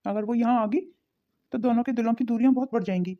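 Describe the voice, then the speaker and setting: A woman voicing a calm adult son in a cartoon, gentle and reasoning. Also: fairly high pitch, fast talker, highs cut off, close to an everyday voice. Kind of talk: cartoon voice acting.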